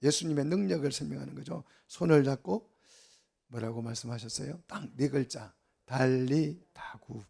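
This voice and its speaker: A man's voice: mid-range voice, normal speed, gravelly, darkish tone, slightly rough. A middle-aged man preaching an expository sermon as pastor, often asking the congregation questions and answering them himself.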